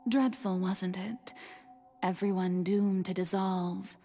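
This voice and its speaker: A woman's voice: medium pitch, fairly even intonation, slow pace, mellow. A woman playing a mature, playful and self-satisfied water goddess in a video game, speaking grandly and savouring ornate words. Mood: arch, theatrical. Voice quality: older-sounding, breathy in places. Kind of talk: video game cutscene voice acting. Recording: long hall reverb under game music.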